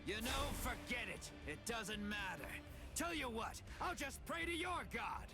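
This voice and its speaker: A man's voice: very high-pitched, big pitch swings, a little slow, full character voice. An actor voicing a flippant, easygoing male fighter in an anime game. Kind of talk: anime game cutscene acting. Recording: music under the voice.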